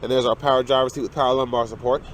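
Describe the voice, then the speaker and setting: This car reviewer is a young man with a medium-pitched, level voice who talks rapid-fire while recovering from a cold. Casually circling a parked car outdoors, he narrates its features, and a little hiss or hum sits under the audio.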